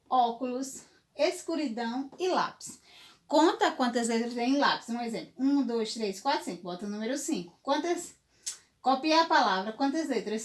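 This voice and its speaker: High-voiced woman teaching children. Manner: patient, explains step by step, often checks with "tá ok?". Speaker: primary school teacher. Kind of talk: recorded remote lesson for young children.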